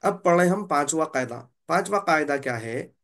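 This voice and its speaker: A male tajweed teacher with a noticeably high voice talks through recitation rules in a patient, encouraging way. He draws example words out slowly so his student can copy them. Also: lively intonation, a bit bright. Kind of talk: online tajweed class.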